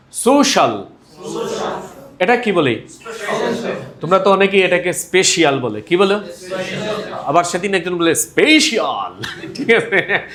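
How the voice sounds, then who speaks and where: A man's voice: sits high, a bit bright. A man teaching English pronunciation to a class, leading call-and-response drills, asking questions and laughing often. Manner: leads students in repeating words, asks questions, laughs often. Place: classroom with students. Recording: echoey classroom with a crowd of students. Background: students repeating in chorus.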